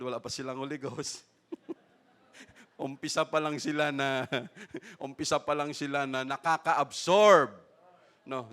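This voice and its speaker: A man's voice: on the high side, sharp tone. A man pastor with a Filipino accent, preaching a sermon in mixed languages, checking in with "no?" and acting out the people in the story. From Philippines. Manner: Taglish preaching, frequent "no?" tags, acts out voices.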